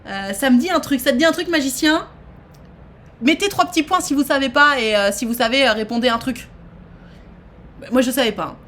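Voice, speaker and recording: Woman streamer reading quiz questions, high pitched, animated, bit of background hiss. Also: a little fast, long pauses. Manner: animated, exclaims and reads questions aloud to chat. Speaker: Twitch streamer hosting a trivia quiz. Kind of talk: casual live-stream chat.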